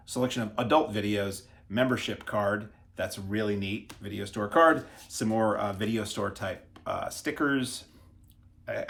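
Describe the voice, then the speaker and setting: A man's voice: on the low side, a bit bright, slight background noise. A man hosting a casual unboxing video, chatty and self-deprecating as he stumbles over foreign names. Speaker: video host reviewing disc releases.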